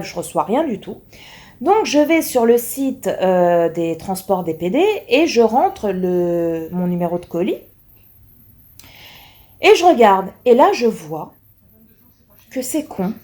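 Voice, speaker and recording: A woman vlogger recording indoors at home, telling a story in a casual, animated and exasperated way, with many fillers and restarts. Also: mid-range voice.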